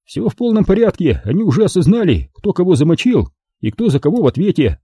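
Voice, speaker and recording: A man's voice: sits high, huge pitch swings, fast talker, mellow, slightly rough, no room sound, clean studio sound, voice pushed up, full character voice. A man voicing an earnest young lifeguard who argues firmly. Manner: earnest, firm.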